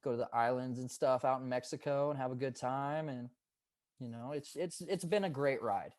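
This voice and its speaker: A man's voice: mid-range voice, moderate pace, darkish tone, no room sound. A man in his twenties, a guest on a casual podcast interview, telling stories in an earnest, upbeat, hyped way. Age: 20s. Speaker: guest, pro paintball player.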